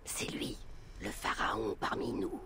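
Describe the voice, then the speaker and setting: A woman playing a shrewd, secretive antiquarian in a video game, with a hushed, wary, urgent manner. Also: rumbling low, steady tone, takes it slowly, creaky, whispered, heavily acted. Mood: intrigued. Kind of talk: video game drama acting.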